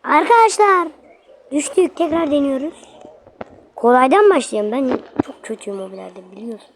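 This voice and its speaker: A woman's voice: high voice, lively intonation, moderate pace. Chatty woman narrating gameplay, noisy recording. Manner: chatty, addresses viewers constantly, loud frustrated outbursts. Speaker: gaming video host. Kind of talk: casual gameplay commentary.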